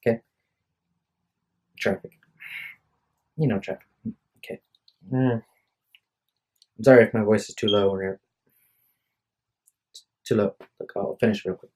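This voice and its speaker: On a low-quality phone recording made at home, a tired young male vlogger talks casually to camera, hesitant and apologetic, frequently starting his sentences over. His fairly low, darkish voice has fairly even intonation, a slightly slow pace and frequent pauses.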